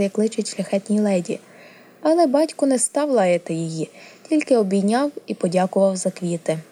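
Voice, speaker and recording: A woman reading a storybook aloud as narrator, with a steady, even storytelling delivery. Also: medium pitch, slightly rough. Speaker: audiobook reader. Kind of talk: scripted narration.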